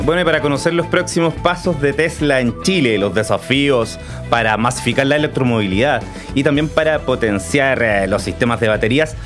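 A man co-hosting a talk show, asking the guest questions in a playful, easygoing way. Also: mid-range voice. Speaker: radio show co-host. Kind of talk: casual interview hosting.

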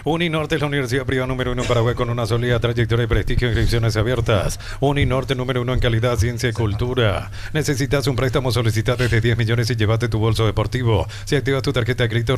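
A man's voice: mid-range voice, steady tone, fast talker, few pauses, a little hiss or hum. A man reading scripted radio commercials in a polished, upbeat announcer's delivery.

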